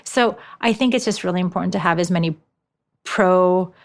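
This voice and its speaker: A woman in her forties, an author and education consultant whose first language is Japanese, is a guest in a conversational interview. She tells stories animatedly with frequent restarts, in a lowish voice at a moderate pace.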